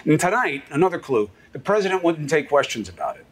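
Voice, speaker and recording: A man's voice: a little high, very animated, quick pace. A middle-aged man delivering emphatic, sarcastic opinion commentary as a news anchor.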